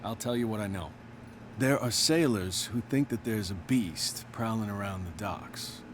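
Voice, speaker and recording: An actor playing a gruff, dismissive policeman on guard in a video game, curt and sardonic. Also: fairly low pitch, normal speed, noisy background, natural voice. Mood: sardonic, grudging.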